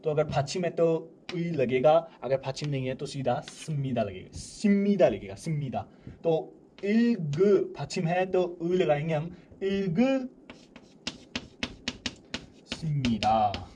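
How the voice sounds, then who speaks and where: A young man teaching a language class, explaining grammar step by step and slowly repeating each example. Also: a little high, sing-song, dark tone, a little hiss or hum. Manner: repeats examples slowly, asks and answers own questions.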